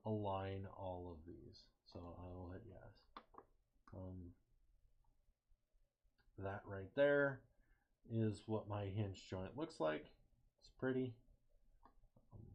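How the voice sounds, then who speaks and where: A young man casually talking through a CAD design on screen, thinking aloud, correcting himself and cracking small jokes. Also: medium pitch. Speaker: engineering student. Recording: slightly muffled lo-fi mic.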